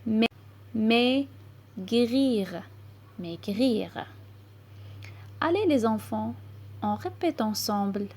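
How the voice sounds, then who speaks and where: A woman teacher with a Moroccan accent slowly reading and sounding out syllables for young children. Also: mid-range voice, lively intonation, warm tone, a little hiss or hum. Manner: pronounces syllables slowly and distinctly, spelling out letters. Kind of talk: slow, deliberate reading lesson for children.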